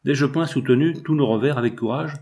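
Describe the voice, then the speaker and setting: A man's voice: mid-range voice, brisk, a little mellow, pitched above the performer's own voice, lightly acted. A frightened, loving mother, anguished and pleading, as a man reads her lines. Her words come strained with fear in an old-fashioned storybook. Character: anxious loving mother, fearful of losing daughter.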